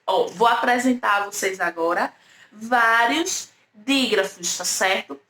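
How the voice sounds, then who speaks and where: A high, bright woman's voice, speaking slowly and patiently as she teaches young children, carefully sounding out each word and inviting them to repeat. She is recorded in an echoey room.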